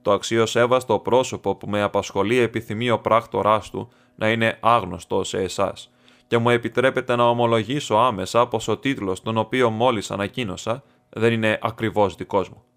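A man voicing an imposing masked foreign nobleman who speaks formally and gravely. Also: fairly low pitch, fairly even intonation, fairly bright tone. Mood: grave, secretive. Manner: formal, stately, measured speech.

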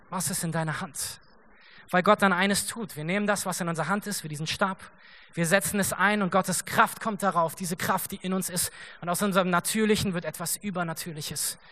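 Young man, sermon, high pitch, bright tone, lively storytelling, church stage. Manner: animated storytelling with acted quotes and chuckles. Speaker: pastor.

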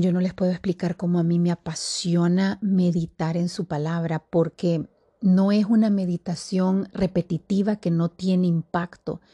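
Earnest woman with a warm, husky voice. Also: fairly low pitch, no echo. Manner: earnest and animated, drops to whispers in prayer. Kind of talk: devotional talk to camera.

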